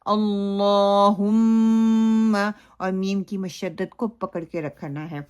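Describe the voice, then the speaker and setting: A woman teaching Quran recitation. She explains pronunciation slowly and then recites phrases in a drawn-out way. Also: on the low side, steady tone, dark tone, muffled recording. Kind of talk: recitation lesson with model recitation.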